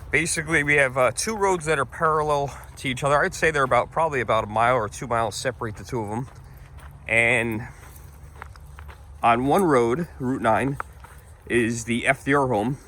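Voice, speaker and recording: A man's voice: mid-range voice, fairly bright tone, slight background noise. A man from New York's Hudson Valley who rambles in casual vlog chat, laughing often while he walks his dog along a wooded trail outdoors. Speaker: vlogger.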